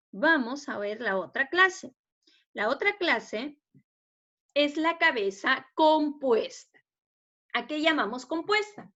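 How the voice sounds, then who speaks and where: Peruvian woman teacher, patient and explanatory, slightly high voice, slow pace, dull lo-fi audio. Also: pushed and bright. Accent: Peruvian Spanish. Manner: patient, explanatory, asks rhetorical checks. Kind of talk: spelling lesson for students. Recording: dull lo-fi recording.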